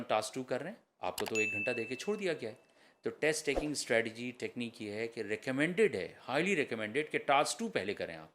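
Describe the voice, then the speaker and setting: A man's voice: medium pitch, a bit bright, a little hiss or hum. A man, an IELTS trainer, answering podcast questions in an explanatory way and slipping English terms into his talk.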